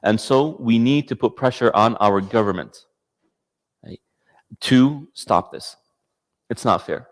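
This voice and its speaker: A man's voice: mid-range voice, slow pace, long pauses, in a large hall. A man giving a passionate talk to an audience, driving his points home with rhetorical questions, then taking their comments. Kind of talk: lecture with audience Q&A.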